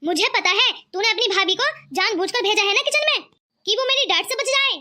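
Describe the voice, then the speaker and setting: A woman's voice: very high voice, a little fast. A woman voicing a greedy scolding mother-in-law. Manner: scolding, sharp-tongued. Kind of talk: cartoon voice acting.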